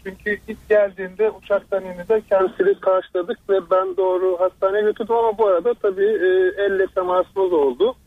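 A middle-aged man from Turkey calling a radio health show over a landline phone, asking politely and hesitantly with drawn-out fillers. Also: sits high, steady tone, no room sound. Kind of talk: call-in question. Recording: tinny dry phone line.

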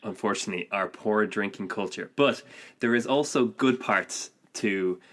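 Low-voiced Irish man as podcast guest. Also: normal speed, a bit bright. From Ireland. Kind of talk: casual podcast chat.

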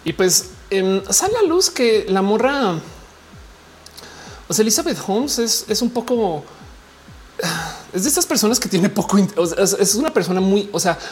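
A woman with a Mexican accent and a low voice, chatting casually to her viewers in a slangy, rambling way full of fillers. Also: big pitch swings, normal speed, long pauses, darkish tone, a little hiss or hum.

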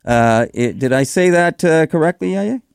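A man hosting a conversational radio interview in a smooth voice, feeling his way through his phrases. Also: a little high, animated, normal speed, dry recording, studio quality.

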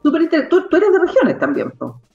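A middle-aged Chilean woman from the south of the country, a university rector, talking in an interview with an animated, emphatic manner and frequent fillers. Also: sits high, fairly quick, creaky, lo-fi sound, soft background music. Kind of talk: conversational interview.

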